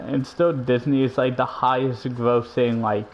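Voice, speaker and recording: Male co-host, filler-heavy rambler with casual swearing, mid pitch. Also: fairly even intonation, measured pace, dull audio, slight background noise. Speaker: podcast co-host. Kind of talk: casual chat.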